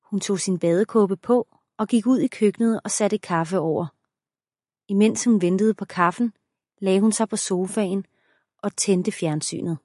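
A woman's voice: mid-range voice, mellow, no room sound. Woman narrating an audiobook, dry close sound. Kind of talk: scripted narration.

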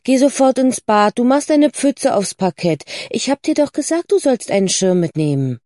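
A woman's voice: medium pitch, expressive, normal speed, dark tone, no room sound, studio quality, natural voice. A woman voicing a mother who coaxes and then firmly scolds her daughter in an audiobook reading. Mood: scolding. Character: busy mother, coaxing then firm and weary.

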